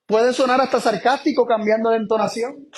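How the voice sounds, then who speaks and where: A man with a notably high voice preaching a Bible study sermon. He leans hard on key phrases and repeats them, slowing right down for emphasis and then hurrying through his asides. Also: fairly even intonation, slight background noise. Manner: emphatic, repeats key phrases, shifts between slow stress and quick asides.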